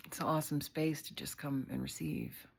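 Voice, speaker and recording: A woman with a notably low, deep voice talks into her phone on a live stream. She is heartfelt and candid, loose with fillers and an occasional swear word. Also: steady tone, moderate pace, gravelly, husky. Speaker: community leader hosting a live video. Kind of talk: casual livestream talk.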